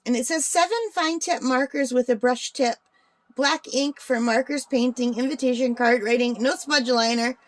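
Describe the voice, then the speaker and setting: Hosting her craft channel's unboxing video, she talks in a relaxed, chatty way and muses aloud. Her high voice comes at a normal pace with no room sound, and it's tiring because she's a bit under the weather.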